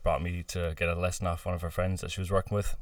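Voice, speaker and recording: Man from near Boston, very low voice, smooth and clear, dry sound a little off-mic. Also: fast, no room sound, recorded from a distance. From United States, near Boston. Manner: relaxed storytelling with many fillers and laughs. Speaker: podcast guest, drummer. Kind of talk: casual interview chat.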